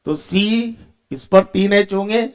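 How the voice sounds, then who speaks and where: A man's voice: sits high, slow pace, clean tone. A man teaching a chemistry lecture, explaining step by step and asking his students questions that he then answers himself. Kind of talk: classroom lecture.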